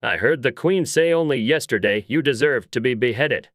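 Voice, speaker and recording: A man's voice: mid-range voice, animated, normal speed, no echo, clean studio sound, close to an everyday voice. A man voicing a sulky, defensive, quarrelsome gardener in a dramatized storybook.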